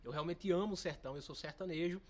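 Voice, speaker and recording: A man, answering interview questions as a nutritionist. He explains with eager enthusiasm. His voice sits a little on the high side. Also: fast talker. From Brazil's Northeast, Pernambuco. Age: 20s. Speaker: nutritionist guest.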